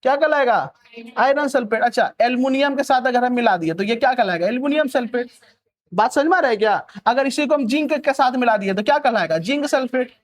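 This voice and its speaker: A man's voice: extremely high pitch, fast. A young male teacher teaching chemistry. He asks a question, answers it himself, repeats the key words and keeps checking that the students understand. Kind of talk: chemistry lesson.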